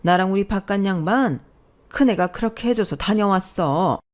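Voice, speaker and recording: A woman's voice: medium pitch, normal speed, darkish tone, lightly acted. A woman voicing an angry older mother-in-law who scolds and lectures sternly in a read-aloud story. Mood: lecturing. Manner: scolding, commanding. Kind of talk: storybook voice acting.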